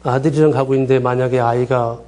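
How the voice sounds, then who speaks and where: A middle-aged counseling lecturer gives a lively lecture, asking his class questions and acting out short quoted lines of dialogue. His voice is medium in pitch and his pace is quick.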